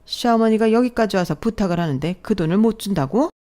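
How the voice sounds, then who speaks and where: A woman's voice: mid-range voice, expressive, fast talker, dark tone, pitched above the performer's own voice, natural voice. A woman voicing a brazen, scolding older mother-in-law who demands money, in a bossy, contemptuous radio-drama manner. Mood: furious. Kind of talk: Korean radio drama story reading.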